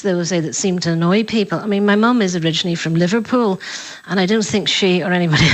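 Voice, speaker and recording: A woman's voice: mid-range voice, poor audio. Forthright woman giving her opinion. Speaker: guest commentator. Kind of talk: radio discussion.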